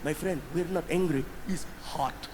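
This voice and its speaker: A man's voice: a little high, measured pace, pitched below the performer's own voice, natural voice, poor audio. A man on stage voicing an emotional local, pleading and repeating himself with hesitant fillers. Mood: earnest. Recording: live stage recording with crowd noise.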